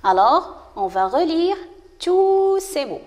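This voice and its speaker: A woman teaching a children's reading lesson, speaking slowly and clearly and praising her pupils often. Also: extremely high pitch, big pitch swings, darkish tone, big-room sound. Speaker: primary school teacher.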